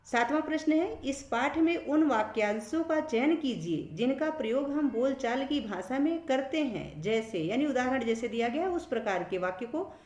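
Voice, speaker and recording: High-voiced woman teaching in an echoey room. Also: a little mellow. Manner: patient, repeats each point in simpler words. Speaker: Hindi teacher. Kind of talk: explaining a school lesson.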